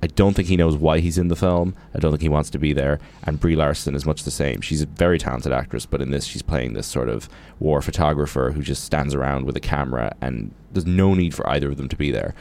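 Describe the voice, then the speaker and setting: A man's voice: very deep voice, quick pace, gravelly, few pauses, darkish tone. A man co-hosting a radio show, giving a wry, opinionated, conversational film review. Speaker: radio co-host and film critic.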